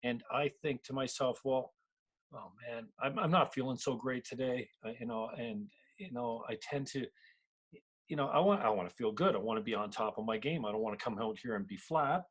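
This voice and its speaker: A man's voice: medium pitch, a little fast, slightly rough. A middle-aged Canadian man hosting a casual interview, talking in a rambling, self-deprecating way with many restarts. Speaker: podcast host.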